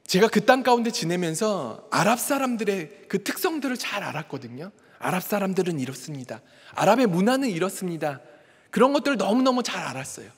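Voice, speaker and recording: A man delivers a sermon, talking through a personal story and acting out what each person said. His voice is husky and high, and it swings widely in pitch. The sound rings with the long reverb of a large church hall. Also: very animated, fairly quick. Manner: personal storytelling, acts out quoted dialogue. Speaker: pastor.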